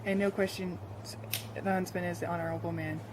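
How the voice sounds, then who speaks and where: A woman playing a grieving friend of a slain queen, a sly orator who speaks haltingly, in an amateur play. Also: fairly low pitch, flat delivery, a little mellow, slight background noise, close to an everyday voice. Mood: mournful. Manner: halting, hesitant speech-making.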